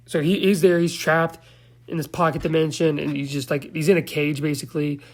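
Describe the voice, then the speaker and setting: A man's voice: a little high, level tone, fairly quick. A man giving a loose, slangy, profane recap of a movie, now and then losing track of names. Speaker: movie reviewer.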